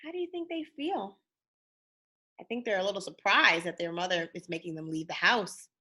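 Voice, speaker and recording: A woman with a mid-range, pushed, bright voice reads a children's picture book aloud at a moderate pace. She reads expressively and animatedly, pausing to ask the young listeners questions.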